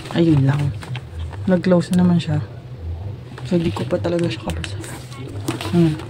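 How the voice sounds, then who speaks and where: Her voice sits fairly low with a dark quality, and her intonation stays fairly even as she talks a little slowly. The Filipino vlogger is casually unboxing and demonstrating a product for her viewers, with slight background noise.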